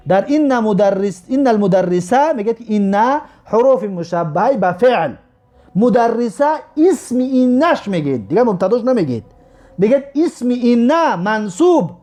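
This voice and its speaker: A man teaching an Arabic grammar lesson. He spells out each example slowly and keeps urging students to pay attention. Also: very high voice, warm tone. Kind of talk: recorded classroom lesson.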